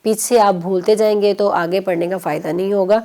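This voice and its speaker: A woman's voice: medium pitch, fairly even intonation, dark tone. A woman, patiently teaching children on a TV lesson and repeating key points. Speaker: Quran teacher.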